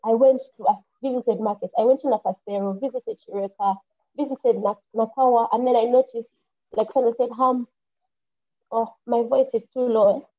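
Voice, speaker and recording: A young woman with a Ugandan English accent, who works as both an engineer and a farmer, earnestly shares her personal story on an online panel, often restarting her sentences. Her voice is slightly high and steady, at a moderate pace. She's on a computer mic during a video call, so the sound is muffled and lo-fi.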